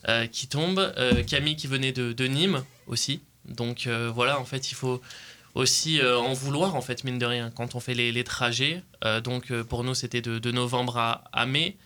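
A young man with a bright, crisp tone speaks in an even, nearly flat line. He is an interview guest describing his own path, pausing on fillers often. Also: medium pitch. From Portugal. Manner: hesitant, many fillers. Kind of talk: studio interview.

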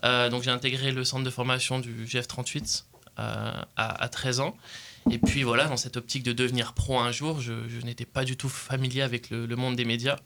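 Bright, flat-voiced young man, hesitant. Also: mid-range voice, brisk, vocal fry, a little hiss or hum. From Portugal. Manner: hesitant, many fillers. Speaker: interview guest. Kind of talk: studio interview.

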